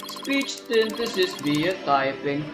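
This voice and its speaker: A woman voicing a terse male bomb expert who talks through a text-to-speech voice, clipped and flat, in a voiced game playthrough. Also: lowish voice, slow pace. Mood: flat robotic. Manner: clipped, flat, word-by-word delivery. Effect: imitated robotic text-to-speech voice. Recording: echoey room with game music.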